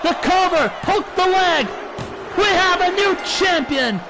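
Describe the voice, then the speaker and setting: Male wrestling commentator, very high-pitched, dramatic and shouting, on a noisy recording with a loud crowd. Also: lively intonation, measured pace, music in the background. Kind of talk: excited wrestling play-by-play commentary.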